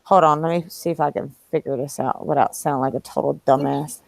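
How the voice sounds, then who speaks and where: Low, dry-voiced young woman rambling. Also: fairly even intonation, fairly quick, gravelly, dry recording. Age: young adult. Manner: rambling, searches for words, swears casually. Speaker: livestream co-host. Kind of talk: casual late-night chat. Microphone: computer mic.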